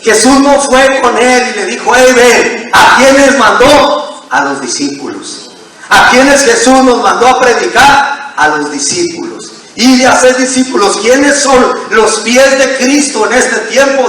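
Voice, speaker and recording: A man's voice: extremely high pitch, expressive, a little slow, fairly bright tone. A man preaching a sermon as pastor, emphatic and calling on the congregation to answer back. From Mexico. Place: church sanctuary. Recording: echoey church hall from far off.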